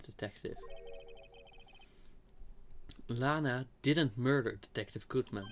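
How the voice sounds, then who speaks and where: A stern, composed prosecutor, played by a man reading game dialogue, speaks gravely and formally in a mid-pitched voice. Each phrase is measured and resolute, with faint music behind. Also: close to an everyday voice. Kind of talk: amateur voice-acting of video game dialogue.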